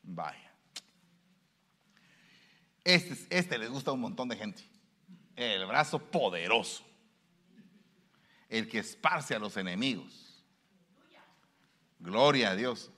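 A male preacher, preaching with a bright, ringing tone. His pitch swings widely as he asks his listeners questions and stresses key words. He keeps an animated teaching rhythm. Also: takes it slowly, pauses often, long reverb tail. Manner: animated, shifts pitch and pace for emphasis, asks the audience questions. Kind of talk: sermon.

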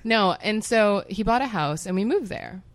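A woman's voice: mid-range voice, lively intonation, normal speed, no room sound. A woman in her thirties who grew up in Hong Kong, chatting as a podcast guest in a wry, self-mocking way and swearing freely. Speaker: guest writer. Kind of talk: casual podcast chat.

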